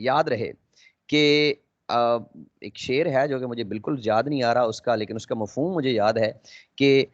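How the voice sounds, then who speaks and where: Man teaching in a lo-fi recording. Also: a little high. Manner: explanatory, mixes English phrases, frequent 'uh' pauses. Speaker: English teacher. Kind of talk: lecture lesson. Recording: dull lo-fi audio.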